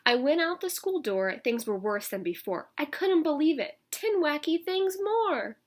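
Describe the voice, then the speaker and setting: A female teacher reads a picture book to kids, expressive and emphatic, tossing casual asides to her listeners. Her voice is high and her pace measured.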